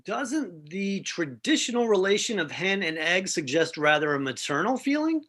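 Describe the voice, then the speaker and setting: Sheepish husband in a comic play reading, halting, lively pitch; a woman reads him. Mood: teasing. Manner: halting, hesitant delivery. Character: hesitant, sheepish husband, man.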